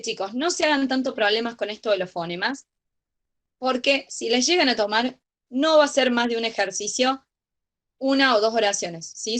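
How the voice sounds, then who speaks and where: A woman's voice: a little high, bright, forceful tone. A young woman with a Rioplatense accent teaching an online grammar study group, patient and checking understanding often. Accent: Rioplatense Spanish.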